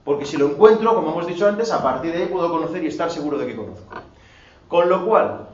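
A man's voice: fairly high pitch, animated, fast talker. Man lecturing philosophy in a roomy classroom. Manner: rhetorical questions, emphatic asides. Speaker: philosophy teacher. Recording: roomy, distant, dull, faint noise.

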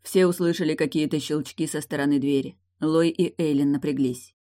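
A woman reading a novel aloud as an audiobook narrator, steady and even. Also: low voice, moderate pace. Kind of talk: scripted narration.

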